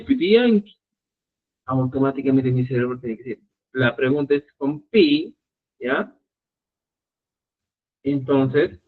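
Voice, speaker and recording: A man teaching a live online language lesson, speaking to his students and often stopping to check that they follow. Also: mid-range voice. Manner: animated, repeats checks like "¿ya?" to students. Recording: narrow phone-like audio.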